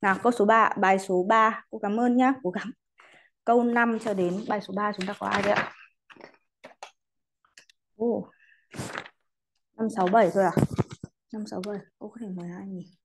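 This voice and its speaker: A woman's voice: medium pitch, steady tone, normal speed, long pauses, noisy background. A woman teaching an English class, polite and patient, slipping English words into her explanations. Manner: polite, patient, adds courteous particles to most sentences. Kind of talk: online class lesson.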